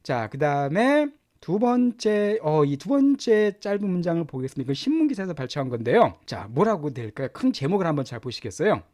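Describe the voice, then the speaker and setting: A middle-aged man teaching English lessons, explaining words and pronunciation with lively repetition. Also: fairly high pitch, brisk, few pauses. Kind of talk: Korean-language English lesson.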